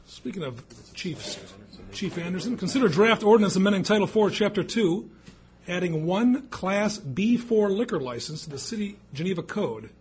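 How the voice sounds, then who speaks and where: A man's voice: sits high, expressive, moderate pace. A man serving as mayor, chairing a city council meeting with a joking, folksy but formal manner.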